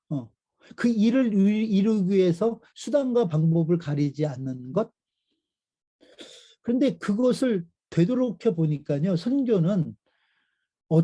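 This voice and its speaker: Middle-aged male preacher, dark and mellow, emotional testimony, slightly high voice. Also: highs cut off. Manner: emotional storytelling with pauses and fillers. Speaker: missionary pastor. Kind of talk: sermon testimony.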